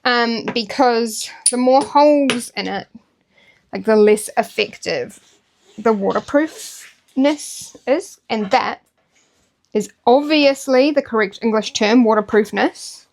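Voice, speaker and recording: Young woman, New Zealand accent, unhurried talk, gravelly fry, fairly high voice, chatty and self-mocking, casual crafting vlog. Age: young adult. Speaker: craft vlogger. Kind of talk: casual talk while sewing.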